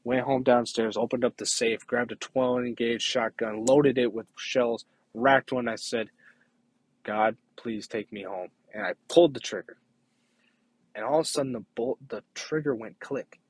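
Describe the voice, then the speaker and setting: A young man giving a halting, earnest personal testimony, often restarting his sentences. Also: medium pitch, husky, no room sound.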